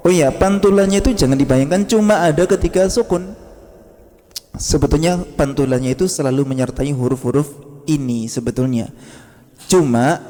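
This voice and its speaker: A man teaching a Quran recitation class in a mosque, patiently drilling sounds slowly and quizzing his students. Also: medium pitch, mellow. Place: mosque hall. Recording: long hall reverb.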